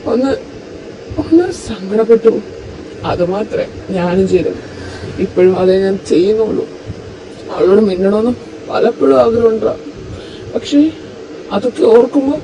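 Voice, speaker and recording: A man playing a heartbroken young husband in a home audio drama, talking haltingly with his voice rising and breaking. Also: sits high, natural voice. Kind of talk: amateur audio drama acting. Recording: noisy home recording.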